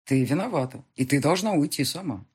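A cold, irritated husband on the phone, as a woman narrator puts him on for an audiobook. He talks curtly and dismissively, in a husky voice that swings widely in pitch. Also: lively intonation, brisk, darkish tone, full character voice. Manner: curt, dismissive, flares into anger. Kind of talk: audiobook character voice.

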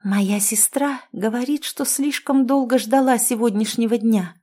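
A woman's voice: fairly high pitch, measured pace, warm tone, voice pushed up. Woman doing a hissing, spiteful young woman. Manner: hissing, gloating.

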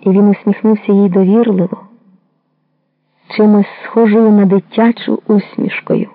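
A narrator reading a literary novel aloud in a measured, even storytelling manner. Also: medium pitch, no room sound, narrow, tinny audio. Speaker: audiobook narrator.

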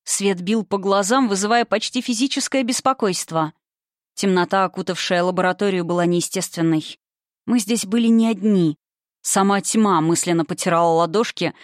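A woman's voice: lowish voice, no room sound. Female audiobook narrator, suspenseful first-person read, dry.

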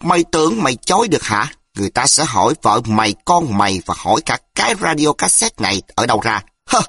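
A man's voice: fairly low pitch, lively intonation, normal speed, fairly bright tone, husky, no room sound, studio quality, exaggerated voice. A man voicing a menacing, brutal tough man who snarls threats.

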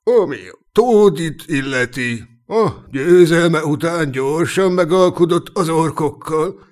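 A man voicing a cynical, sharp-tongued knight of peasant birth in a humorous fantasy audiobook, chuckling and mocking as he tells his tales. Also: on the high side, natural voice. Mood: sarcastic. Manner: mocking, chuckling, earthy storyteller. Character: cynical boastful human knight, commoner-born, sharp-tongued. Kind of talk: audiobook character reading.

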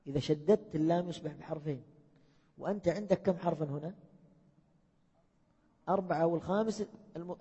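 A man's voice: fairly high pitch, dark tone, breathy edge. Man teaching in a reverberant hall. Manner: questioning, repeats key points for students. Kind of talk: classroom lesson on Arabic morphology. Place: lecture hall. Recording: dull lo-fi recording with long hall reverb.

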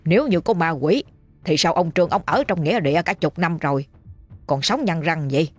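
Heard first is a low, husky voice, as a woman plays a stern middle-aged village husband. He is gruff and dismissive, and it comes across as a storybook reading. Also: expressive, brisk, faint music behind.

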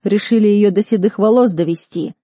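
A woman's voice: mid-range voice, brisk, warm tone, husky, dry recording, clean studio sound, lightly acted. A woman reading an audiobook, voicing a stern, furious male academy rector who barks and scolds. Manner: barking, scolding.

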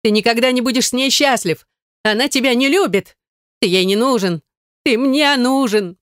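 A reader voicing a jealous young woman who sobs and shouts. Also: medium pitch, normal speed, clean tone, no echo, studio quality, voice pushed up, close to an everyday voice. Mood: hysterical. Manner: sobbing and shouting.

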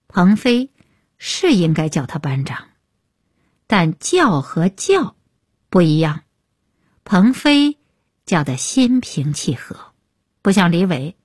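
Slow, husky woman telling a story. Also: medium pitch, no room sound, studio quality. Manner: expressive, unhurried storytelling. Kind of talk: serialized novel reading for radio.

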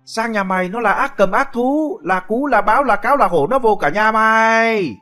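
A woman's voice: on the high side, expressive, normal speed, fairly bright tone, faint music behind, voice pushed up. A man voicing a furious, foul-mouthed village wife who screeches curses and wails in a storybook reading. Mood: screeching abuse.

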